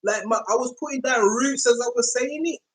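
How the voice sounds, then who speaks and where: A London-accented woman hosting a podcast tells her story as a loose, slangy, casual monologue in a slightly high voice. Whenever she quotes someone, she acts it out, slowing down and giving the words deliberate weight.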